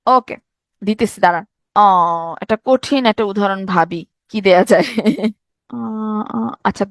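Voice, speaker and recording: A woman teacher giving an online grammar lesson, lively and teasing as she quizzes her students. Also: sits high, no room sound.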